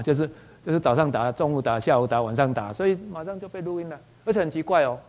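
A man with a Taiwanese Mandarin accent recounts his own story as a doctor, with a voice of ordinary middle pitch. He tells it with animation, stammering over repeated words, and drops into Taiwanese phrases along the way. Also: a little mellow. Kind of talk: spoken personal anecdote.

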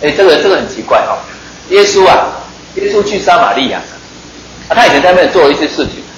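Male preacher, chatty and quick sermon delivery, roomy hall with faint noise. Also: on the high side, big pitch swings. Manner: chatty, joking, asks the listeners rhetorical questions.

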